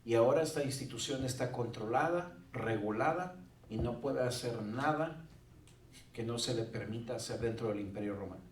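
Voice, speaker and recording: A man's voice: medium pitch, moderate pace, a little hiss or hum. A male pastor preaching a sermon in a conversational way with joking asides. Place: church sanctuary. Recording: roomy church sound from a distant mic.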